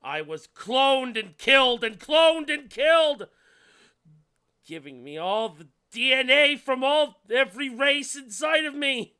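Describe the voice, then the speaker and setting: A man's voice: extremely high pitch, animated, measured pace, bright, forceful tone, smooth, voice pushed up, heavily acted. A man voicing an embittered female cloned monster in a hammy, theatrical, aggrieved tabletop game performance. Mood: furious. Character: embittered female cloned abomination, amalgam of many races.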